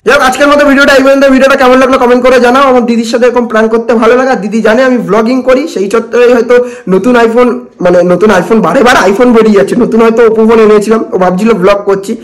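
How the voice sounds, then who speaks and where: A young man talks to camera for his prank vlog. His voice sits very high and he rattles along quickly. He pleads and teases, repeating himself again and again. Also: steady tone. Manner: pleading, repetitive, teasing. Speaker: vlogger.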